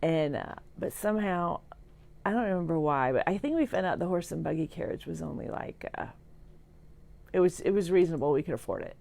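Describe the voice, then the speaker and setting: A middle-aged woman speaks from a hospital room, weak and drowsy after surgery. Her voice sits slightly low and has a lot of vocal fry. She talks in a halting, sincere ramble, as in a personal livestream, and sometimes trails off. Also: animated, dark tone. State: weak and groggy after surgery, on pain medication. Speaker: vlogger sharing a personal update.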